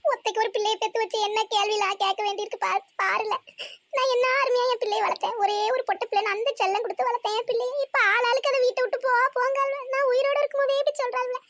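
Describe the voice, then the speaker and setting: A woman's voice: very high voice, level tone, quick pace, few pauses, a bit bright, voice pushed up. A woman voicing a wailing old mother-in-law. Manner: wailing, complaining. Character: older mother-in-law, doting and self-pitying. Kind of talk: cartoon voice acting.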